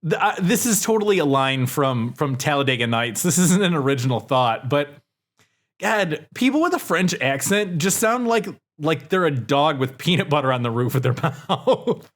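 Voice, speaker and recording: A man's voice: a little high, big pitch swings, moderate pace. A man co-hosting a podcast, telling stories in casual chat, rambling and profane with lots of fillers. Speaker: podcast co-host.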